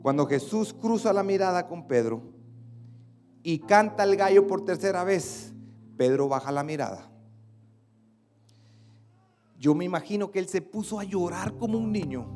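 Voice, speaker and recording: A high-voiced man pastor preaches a sermon with drama. He swings from loud outbursts to hushed, quiet lines. Faint music plays behind him. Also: lively intonation, normal speed, pauses often.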